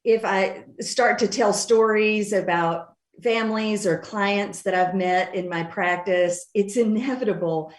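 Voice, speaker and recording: A woman's voice: medium pitch, a little slow, hardly any pauses. A middle-aged woman with an Appalachian accent from Western North Carolina, answering conversationally as an interview guest. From Western North Carolina mountains, USA. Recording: roomy, echoing sound.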